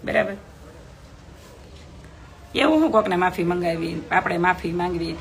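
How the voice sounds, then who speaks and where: A woman's voice: fairly low pitch, expressive, moderate pace, gravelly, slight background noise. A middle-aged woman, chatting bluntly with viewers on a phone live stream, scolding and preaching.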